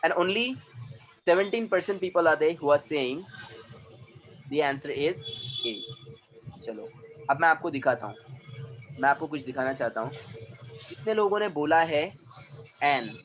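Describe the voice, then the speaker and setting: A man's voice: on the high side, slight background noise. Emphatic Indian male English teacher. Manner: emphatic, repeats sounds for drill, mixes Hindi and English. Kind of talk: classroom lecture. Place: classroom.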